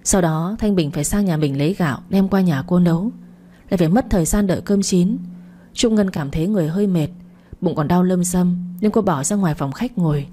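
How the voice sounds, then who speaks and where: A woman reads a romance story in a calm, even storytelling voice. Her voice is low-pitched and warm, with a mellow, rounded tone. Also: a little fast, a little hiss or hum. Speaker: story narrator. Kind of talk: scripted narration of a romance story.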